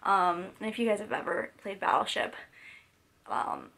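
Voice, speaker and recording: At home, a young beauty vlogger chats through a makeup look in a voice gone hoarse from a cold. She's very animated at normal speed, medium-pitched and a bit bright, rambling with plenty of "like" and "um" and frequent restarts.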